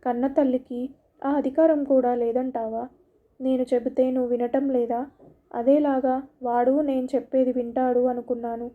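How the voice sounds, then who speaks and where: A man's voice: very high voice, little pitch movement, moderate pace, phone-quality sound. A woman reading a story aloud, voicing a determined young man who insists firmly to his mother. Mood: insistent. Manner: firm, insistent pleading.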